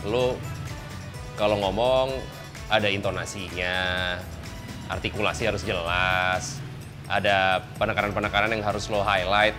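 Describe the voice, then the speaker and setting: A man who works as a voice over talent, explaining basics in a relaxed, slangy, casual way. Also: fairly low pitch. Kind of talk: casual interview.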